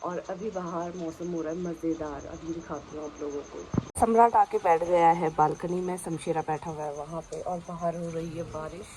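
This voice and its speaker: A woman with a hoarse, strained voice from a sore throat, chatting casually as she narrates her day in a vlog. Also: deep voice, steady tone, normal speed, hardly any pauses, warm tone, a little hiss or hum, low-quality recording. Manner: chatty, talks to her dogs between remarks. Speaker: vlogger.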